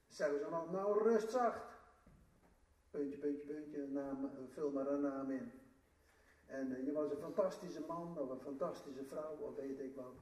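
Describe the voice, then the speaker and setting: Male preacher, earnest and emphatic, in an echoey hall, warm high voice. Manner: earnest, rising to emphatic declarations. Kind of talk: sermon. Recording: echoey room, mic at a distance.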